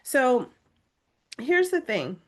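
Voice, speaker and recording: This time her voice sits high and is very animated, yet she speaks very slowly. The English-native coach reads webinar comments aloud to test-takers and spurs them on with pleading, encouraging, emphatic repetition.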